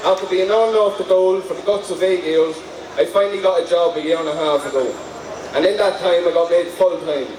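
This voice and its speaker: A man's voice: high voice, steady tone, a little fast, a little mellow. A man with an Irish accent reading out a prepared personal speech at a rally. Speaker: speaker at a rally. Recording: echoey, distant microphone, noisy background.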